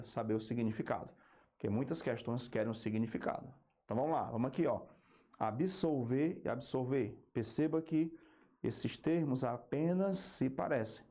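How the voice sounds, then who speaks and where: A Brazilian man teaching an exam-prep grammar lesson, slowing down to spell out key terms and checking in with a quick "ok?" between points. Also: mid-range voice, warm tone. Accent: Brazilian Portuguese.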